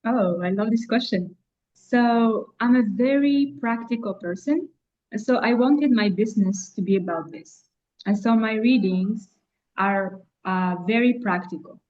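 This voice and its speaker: A woman from Algeria, an astrologer and spiritual guide, answering interview questions in a halting way. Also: on the high side, darkish tone, highs cut off. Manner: slow, halting, many fillers and restarts. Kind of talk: interview guest.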